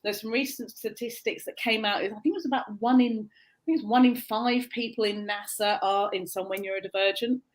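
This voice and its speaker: A British neurodiversity coach answers interview questions over a video call, speaking a little fast at medium pitch with fairly even intonation. She explains things earnestly and frequently restarts her sentences.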